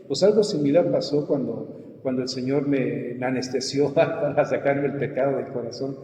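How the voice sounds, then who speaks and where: In a muffled, echoey room with long reverb and a little hiss or hum, a male pastor shares his testimony conversationally. He speaks in a mid-range voice at normal speed, animatedly performing his own cries and the quoted voices of others.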